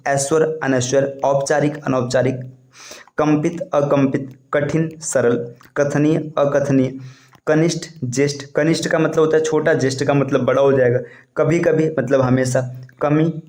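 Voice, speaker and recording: Man listing Hindi word pairs, echoey room. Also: mid-range voice. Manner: reads word pairs in a steady list, adding short explanations. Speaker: Hindi exam tutor. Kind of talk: slide-based vocabulary lesson.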